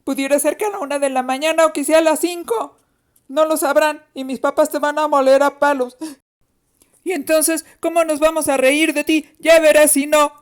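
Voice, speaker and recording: A woman's voice: sits high, fairly even intonation, moderate pace, voice pushed up, lightly acted. A woman voicing an angry, defiant boy who threatens his older sister, in a told story. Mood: threatening. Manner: threatening, indignant.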